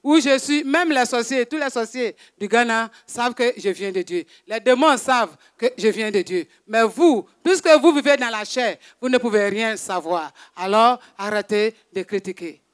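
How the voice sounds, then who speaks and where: Interprète masculin à la voix très aiguë et nette. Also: male voice, extremely high pitch, normal speed, hardly any pauses, smooth. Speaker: interpreter for the preacher. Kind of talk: sermon interpretation.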